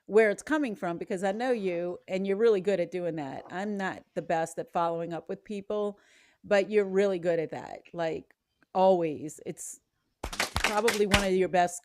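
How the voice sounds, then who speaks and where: A woman's voice: medium pitch, moderate pace, a little mellow, a little hiss or hum. A woman hosting a casual talk show, explaining ideas with easy laughs. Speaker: podcast host. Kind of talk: casual chat.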